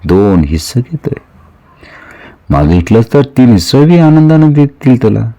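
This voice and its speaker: A man's voice: mid-range voice, lively intonation, measured pace, mellow, dull audio. A man voicing a humble, proud old village father who speaks in rustic, earnest words in a spoken storybook.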